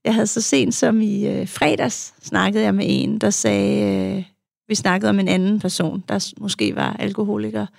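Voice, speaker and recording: A young woman speaks frankly about her past and her work, pausing for thought with fillers. Her voice is heavily gravelly with vocal fry. The sound is close and dry, with no room echo. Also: medium pitch, steady tone, darkish tone. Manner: frank, reflective, with frequent fillers. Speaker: guest, adult child of an alcoholic; youth therapist. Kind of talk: candid conversational storytelling.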